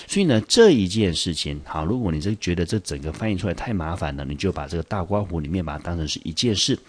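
Very deep-voiced, husky male English teacher. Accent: Taiwanese Mandarin. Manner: explains step by step, asks the class questions. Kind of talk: vocabulary lesson. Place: school teaching studio.

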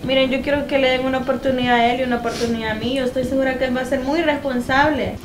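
An actress playing an earnest young girlfriend in a comedy sketch, speaking with a Honduran accent in a rushed, pleading way. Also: high voice, fairly even intonation, natural voice. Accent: Honduran Spanish.

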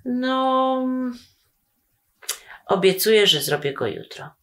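A woman voicing Radek, a boy brother who builds paper planes and makes big, rapid boastful promises. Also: mid-range voice, big pitch swings, pitched above the performer's own voice. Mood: proud.

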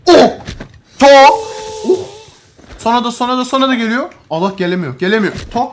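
A young man commentates a game in a high, very animated voice. He swears freely and exclaims excitably, chatting casually with a friend over faint noise and clicks. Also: a little fast. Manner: excitable, exclaiming, heavily foul-mouthed. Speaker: gamer recording a co-op video.

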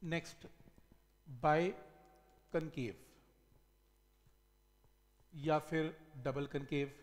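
A middle-aged man gives a physics lesson at a whiteboard in a high voice. He asks a question and then answers it himself, hitting the key word with weight. A long reverb trails after his words. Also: steady tone, very slow. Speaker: physics teacher. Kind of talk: whiteboard lecture. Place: classroom studio at a whiteboard.

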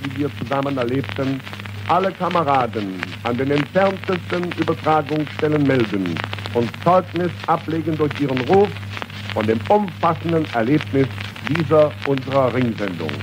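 A man announcing and calling out stations in a formal live broadcast, heard as an old 1940s radio recording. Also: a little high. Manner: calling out stations with repeated commands. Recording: noisy archival radio recording.

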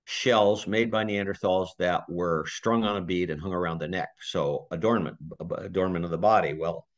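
A man giving a conversational slide lecture, thinking aloud with restarts and small laughs. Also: deep voice. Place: community talk room.

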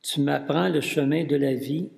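A man reading scripture and the psalm aloud at mass, careful and deliberate. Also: a little high, fairly even intonation, creaky, darkish tone. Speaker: lector at mass. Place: church. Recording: church with long reverb.

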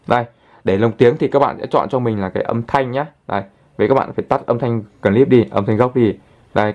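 Low-voiced man talking through a tutorial. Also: darkish tone. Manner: chatty, fills pauses with constant "đấy" and "đây". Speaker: channel host, tutorial presenter. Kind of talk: casual screen-recorded app tutorial.

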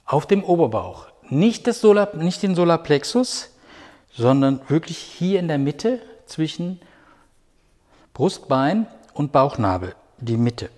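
A man teaching a home yoga class, giving calm, patient step-by-step cues with a clip-on mic. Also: on the high side, slow. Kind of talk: guided yoga instruction. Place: room at home. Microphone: clip-on microphone. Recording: long hall reverb.

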